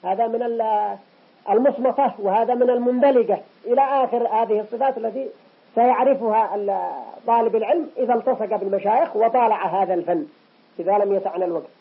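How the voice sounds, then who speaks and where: A man teaching the rules of Quran recitation. He goes slowly and deliberately and repeats each recited example several times. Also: high-pitched, vocal fry, slightly rough. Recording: lo-fi muffled recording.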